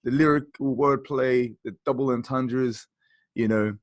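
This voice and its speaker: A man's voice: mid-range voice, fairly even intonation, measured pace, no room sound. A man, co-hosting a podcast and chatting about music in an enthusiastic, rambling way. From South Croydon, London, England. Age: 40s. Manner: enthusiastic, rambling, peppered with "you know". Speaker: podcast co-host. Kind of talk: casual chat about music.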